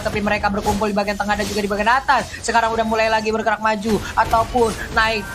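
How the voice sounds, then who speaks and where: Fast-talking Indonesian woman esports caster. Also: fairly high pitch. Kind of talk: live esports match commentary.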